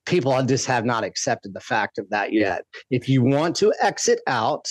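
A man of medium pitch talks as a podcast guest. His delivery is impassioned, blunt and emphatic, and the sound is very dry, with no room echo. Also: lively intonation, moderate pace. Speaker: podcast guest, food activist. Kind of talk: impassioned interview talk.

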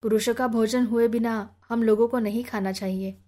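A proud, sensitive young mistress of a wealthy house from an audiobook novel, speaking in sharp, formal sentences, as a woman reader gives her lines. The voice sits fairly high. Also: steady tone, moderate pace, lightly acted. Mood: composed. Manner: sharp but formal speech.

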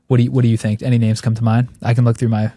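Male podcast co-host, medium pitch, relaxed filler-heavy talk, dry room. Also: rapid-fire, no room sound. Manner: laid-back, filler-heavy, says "like" a lot. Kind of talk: casual chat.

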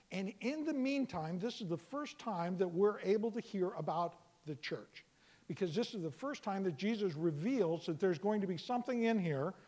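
A man with a notably high voice leads a verse-by-verse Bible teaching. He explains each point patiently and circles back to repeat key phrases. Now and then he bursts into loud exclamations.

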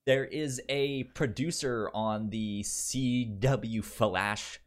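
Speaking very slowly at a medium pitch, this man co-hosts a podcast in a relaxed chat. He stammers through his sentences, often repeating syllables and words.

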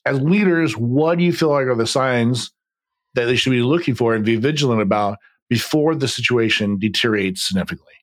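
A man's voice: medium pitch, a little fast. A man hosting a business podcast, asking long, friendly questions with fillers. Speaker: podcast host. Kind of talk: conversational podcast interview.

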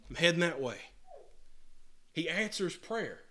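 A man preaching a sermon to a congregation. He talks earnestly, repeats and restarts phrases, and swings between loud and soft. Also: fairly high pitch, big pitch swings, a little slow. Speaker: pastor. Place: church hall with a congregation answering.

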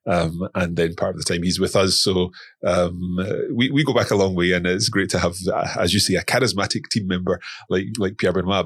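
In clean studio sound with no room reverb, a low-voiced man chats casually as a podcast guest. He creates language courses and tends to repeat words as he hunts for the right one.

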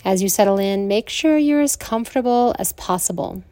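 An American woman leads a guided relaxation in the manner of a sleep story narrator. Her mid-pitched voice is slow and soothing, with long pauses between phrases. The sound is dry, with hardly any echo. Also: expressive, mellow. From lives in southern Colorado, United States. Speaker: yoga nidra teacher.

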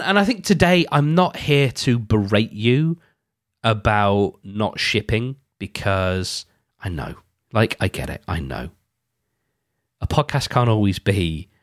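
With a cold making his medium-pitched voice nasal and congested, a man talks casually on his own podcast, which he also produces. He's chatty, drifts a bit, and self-corrects. The audio is studio quality without any echo.

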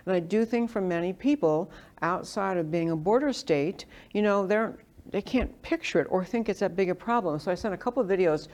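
A woman's voice: mid-range voice, expressive, a little fast, a little mellow. A woman from New York hosting a conversational political interview, speaking in an opinionated, discursive way. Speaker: interview host.

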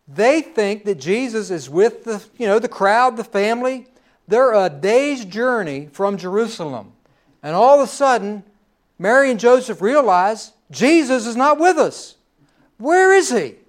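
High-voiced middle-aged man preaching. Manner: folksy storytelling with personal asides. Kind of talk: sermon.

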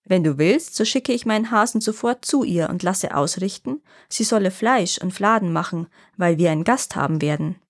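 A woman voicing a sly, poor old grandfather who flatters and feigns offense. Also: fairly low pitch, normal speed, hardly any pauses. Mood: mock-offended. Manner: wheedling and flattering, then mock-offended.

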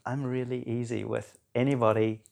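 This South African man in his forties is a podcast guest, chatting casually in a relaxed, rambling way packed with fillers. His voice is gravelly and medium-pitched, and he talks at a moderate pace.

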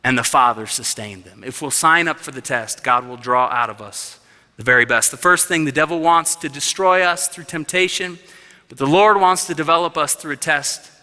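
A man in his thirties preaching a sermon as pastor, passionate, dropping to a hush and then rising loud. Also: on the high side, moderate pace. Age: 30s. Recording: reverberant hall.

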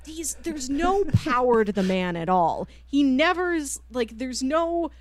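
A podcast co-host reviews manga in casual chat, retelling stories and often chuckling mid-sentence. Her high, sing-song voice moves at a measured pace, with no echo.

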